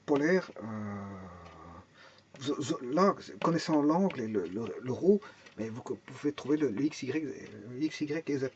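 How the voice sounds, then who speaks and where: A man's voice: medium pitch, lively intonation, a little slow, lo-fi sound, slight background noise. A man teaching a math and physics lesson, explaining step by step, thinking aloud, repeating words and restarting often, and asking and answering his own questions.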